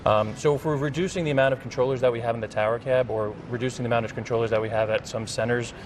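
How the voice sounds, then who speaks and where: As a guest in a news interview, a middle-aged American congressional candidate and former air traffic controller answers earnestly, repeating phrases for emphasis. His medium-pitched voice is fairly even in intonation and very fast, with slight background noise.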